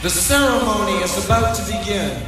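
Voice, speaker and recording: Un hombre que recita, lento y medio cantado, con un eco fuerte que repite sus últimas palabras. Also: male voice, high-pitched, normal speed. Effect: heavy echo repeating the last words. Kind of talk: slow spoken-word intro over music. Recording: distant echoey recording with loud music.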